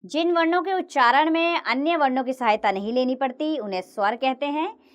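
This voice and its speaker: A woman teacher narrating a grammar lesson for children, reciting the letters slowly and clearly. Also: sits high. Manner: slow, clear recitation of letters with lively sing-song rises and falls.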